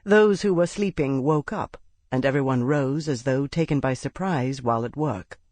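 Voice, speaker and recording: A woman audiobook narrator reading a classic novel in a measured, expressive storytelling manner on a close studio mic. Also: a bass voice, dry recording. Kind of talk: scripted literary narration.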